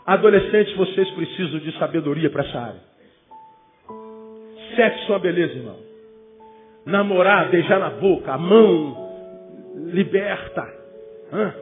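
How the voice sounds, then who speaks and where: A man preaching a sermon to young people as a pastor, emphatic, with rhetorical questions and joking asides. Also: a little high. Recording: phone-like, with loud music.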